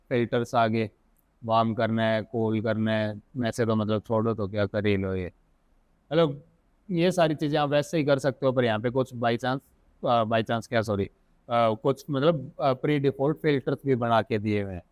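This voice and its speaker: A software instructor with an Indian accent teaches in a casual screen-recorded tutorial, thinking aloud and correcting himself along the way. His voice is medium-pitched and smooth, with no room sound.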